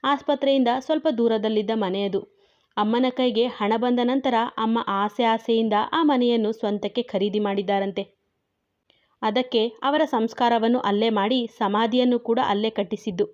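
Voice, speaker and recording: A woman's voice: on the high side, steady tone, normal speed, darkish tone, close to an everyday voice. A woman voicing a grieving young husband who is brooding and teasing, in a dull lo-fi recording.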